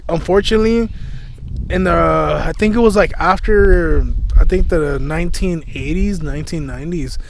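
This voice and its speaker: A young man with a high voice hosts a relaxed podcast chat. He talks in a laid-back, slangy way, leaning on "bro" and "man.". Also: normal speed, gravelly, slight background noise. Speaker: podcast host. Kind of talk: casual chat.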